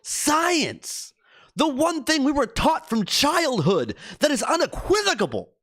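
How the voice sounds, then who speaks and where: A man's voice: very high voice, huge pitch swings, normal speed, fairly bright tone. A man hosting a livestream, venting in a heated, profane rant with repeated emphasis. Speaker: livestream host. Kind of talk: angry political rant.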